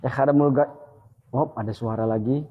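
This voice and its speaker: Man, ghost-hunt host, hushed and watchful, medium pitch, dull lo-fi sound. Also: fairly even intonation, moderate pace. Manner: hushed, alert, calls out greetings to spirits. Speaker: ghost-hunting video host. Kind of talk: live paranormal investigation commentary.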